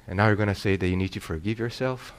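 A man preaching a sermon as pastor. He swings from hushed, near-whispered lines to loud, rising passages and repeats phrases for emphasis. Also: fairly low pitch, fast talker, smooth.

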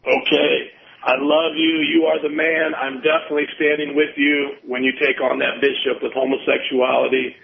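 A man's voice: on the high side, flat delivery, moderate pace, creaky. A man calling in on a speakerphone over a phone line, a pastor who earnestly and amiably challenges the host. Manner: earnest, friendly but challenging. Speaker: caller, non-Calvinist pastor. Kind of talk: call-in debate.

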